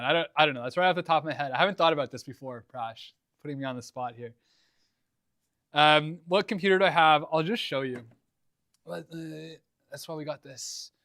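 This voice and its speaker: A man's voice: mid-range voice, bright, forceful tone, no room sound, studio quality. A young man hosting a casual livestream from his workshop, answering viewer questions in a laid-back, rambling way with lots of fillers. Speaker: livestream host. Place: home workshop.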